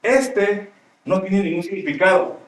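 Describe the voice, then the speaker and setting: Picked up by a distant mic in a roomy classroom, a male teacher explains grammar at a measured pace in a voice that sits high. He keeps checking in with his students through frequent questions as he lectures.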